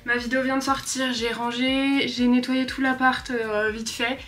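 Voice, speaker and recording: A woman's voice: sits high, level tone, normal speed, a bit bright, soft background music. A young woman chatting casually to camera in her apartment, rambling with self-mocking asides. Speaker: vlogger. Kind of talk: casual home vlog. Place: apartment living room.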